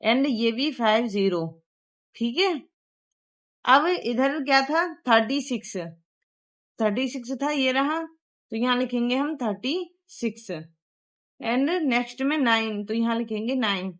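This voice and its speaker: This female teacher, whose voice sits on the high side with a slightly bright tone, walks young children through a textbook math lesson one step at a time. She has an Indian accent, switches between Hindi and English, and reads English sentences from the book very slowly.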